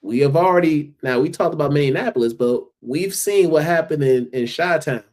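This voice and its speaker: A man with an American accent, a guest educator on a podcast, speaking in an earnest, measured way. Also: a little high, a little mellow. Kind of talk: casual podcast chat.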